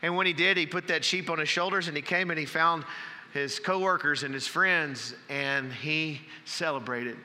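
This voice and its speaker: A man preaching a sermon from the pulpit, telling folksy stories and dropping to a hush for emphasis. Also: on the high side, normal speed, big-room sound. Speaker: pastor. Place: church sanctuary.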